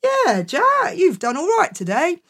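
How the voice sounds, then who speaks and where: A woman voicing a gruff, friendly male butcher giving out work. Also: very high voice, wildly swooping pitch, unhurried, a bit bright, pitched above the performer's own voice, exaggerated voice.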